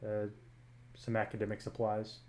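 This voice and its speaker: A man narrating a tabletop game as game master, halting with many ums and uhs. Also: on the low side, completely flat delivery, noisy background.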